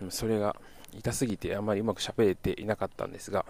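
Rambling Japanese podcast man, low voice. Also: flat delivery, fast talker, darkish tone. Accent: slight Kansai intonation. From Kyoto, Japan. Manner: rambling, self-correcting, chuckles often. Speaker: podcast host. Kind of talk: casual solo podcast chat.

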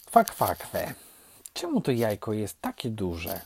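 A man's voice: lowish voice, wildly swooping pitch, slow pace, vocal fry, darkish tone, a little hiss or hum, heavily acted. A man voicing a fussy, caring mother duck who quacks between her words.

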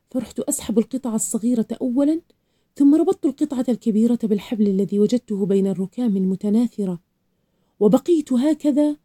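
Dark-voiced woman narrating a novel. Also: fairly high pitch. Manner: expressive first-person storytelling. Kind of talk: audiobook reading of a novel.

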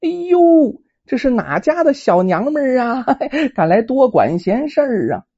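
A bullying male servant thug, as a storyteller puts him on, mocking and leering, pushed up high and loud. The voice has a husky edge. The recording is dull and lo-fi. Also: very animated, measured pace, exaggerated voice. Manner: mocking and taunting.

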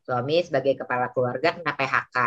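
Middle-aged Indonesian woman, low voice, passionate guest who gets heated. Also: lo-fi sound. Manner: passionate, quick to get heated; acts out friends' quoted lines in a higher voice. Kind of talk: casual interview talk.

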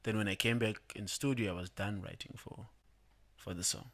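A rapper guest sits in a podcast studio chatting casually about his songs, laughing often and repeating words as he explains. His voice is fairly low, a bit bright, fairly even in intonation, at normal speed.

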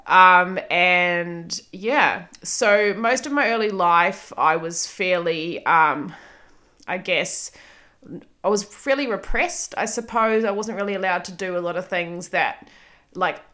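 Slow, lowish and bright, her voice carries a forceful tone as she hosts a podcast on her own. She's in her thirties with a New Zealand accent, and her chatty, self-deprecating style comes with plenty of ums and small laughs.

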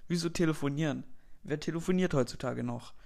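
A man's voice: medium pitch, slow pace. A man doing a grumpy phone-hating young guy. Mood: irritated. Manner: exasperated, stammering complaints. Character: annoyed young man who hates phone calls.

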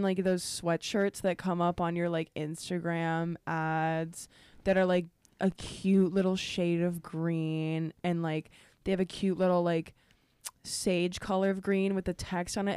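A woman's voice: lowish voice, fairly even intonation, unhurried, darkish tone, clear, resonant tone, dry recording. A young woman co-hosting a casual podcast chat, rambling with many fillers. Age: young adult. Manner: rambling, heavy use of "like". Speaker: podcast co-host.

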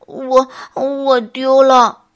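A woman voicing a bashful, earnest young bear who stammers and speaks slowly. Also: high-pitched, flat delivery. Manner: hesitant, stammering.

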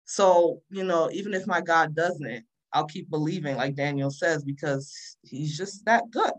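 A woman with a deep voice, speaking at a measured pace, appears as a podcast guest in a casual conversation about faith. She sounds earnest and testimonial and sometimes repeats words as she thinks, on a low-quality recording.

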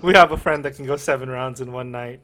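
A man's voice: mid-range voice, fast talker, fairly bright tone. A young man co-hosting a casual podcast, crude and laughing a lot as he retells scenes. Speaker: podcast co-host. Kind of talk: casual chat.

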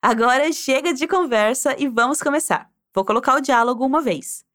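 A woman's voice: high voice, fairly quick, fairly bright tone. A woman teaching Spanish, guiding the listener through pronunciation drills and prompting them to repeat aloud.

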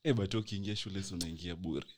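Low Kenyan male podcast host. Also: fast, slight background noise. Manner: slangy, code-switching between Swahili and English. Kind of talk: casual podcast banter.

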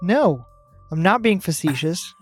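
A podcast co-host in casual chat, teasing and deliberately contrarian. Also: medium pitch, lively intonation, faint music behind.

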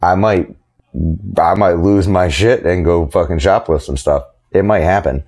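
Deep-voiced, blunt man. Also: unhurried, a little mellow. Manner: blunt, rambling, swears a lot. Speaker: podcast co-host. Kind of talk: casual profane chat.

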